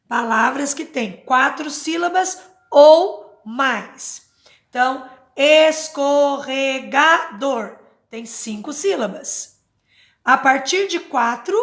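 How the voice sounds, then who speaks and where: A woman teacher giving a slow, patient grammar lesson to children, sounding out words syllable by syllable and checking in with short questions. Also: high-pitched, a bit bright, reverberant. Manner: checks understanding with tag questions.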